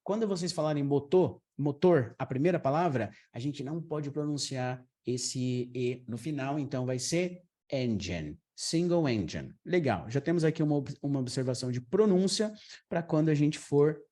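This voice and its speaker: A man whose first language is Portuguese, teaching an online aviation English lesson in a lively manner and repeating words for drill. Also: fairly high pitch, moderate pace.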